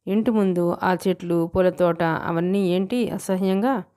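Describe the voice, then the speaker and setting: A woman's voice: on the low side, measured pace, warm tone, clean tone, natural voice. A woman voicing a sulky, stubborn young groom who complains petulantly in an audiobook story. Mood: disgusted.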